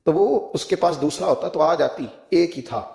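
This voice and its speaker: A man's voice: a little high, vocal fry, mellow, roomy sound. A man delivering an impassioned sermon as a cleric, telling stories and acting out quoted speech. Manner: impassioned, rising into emphatic rhetorical questions; storytelling, acts out quoted speech. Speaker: Islamic cleric.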